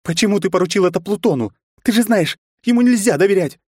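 Man voicing a fiery distraught woman, shrill, high-pitched, pleading and accusing. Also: lively intonation, moderate pace, a little mellow, husky, dry recording, studio quality. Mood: angry. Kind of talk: audiobook character voice.

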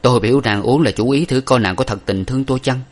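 A man's voice: medium pitch, quick pace, pitched above the performer's own voice, natural voice. A man voicing an earnest young man who reassures his beloved, in an audiobook of an old novel. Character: earnest young man, lover bound for study abroad.

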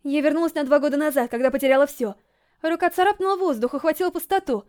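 A woman reading a first-person novel aloud as an audiobook narrator, with dramatic, emotionally expressive storytelling. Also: high-pitched, quick pace.

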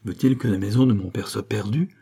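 A man's voice: fairly low pitch, fairly quick, creaky, mellow, husky. A man reading an audiobook voices an anxious young farm girl who asks curt, tense questions. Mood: somber.

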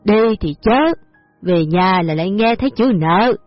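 A woman voicing a weary, heartbroken middle-aged father who speaks gruffly and slowly, in a dull lo-fi audio story with faint music behind. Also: mid-range voice, expressive, no echo.

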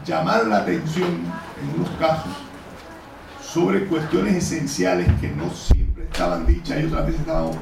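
An older man with a Cuban Caribbean Spanish accent, giving an informal, digressive extemporaneous lecture as an academic speaker. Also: fairly high pitch. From Cuba. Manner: frequent throat-clearing, digressive. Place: indoor conference room, recorded from afar. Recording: very echoey noisy room, distant mic.

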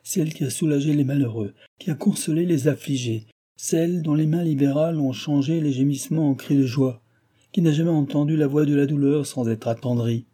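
A man's voice: a little high, a little fast, warm tone, pitched above the performer's own voice, lightly acted. A man reading the part of a tearful, compassionate old man who laments in solemn exclamations, in an audiobook. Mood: lamenting. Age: older.

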